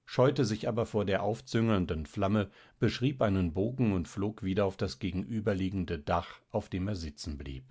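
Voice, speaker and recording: A man narrating a classic novel as an audiobook in a steady, even reading. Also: lowish voice. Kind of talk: scripted literary narration.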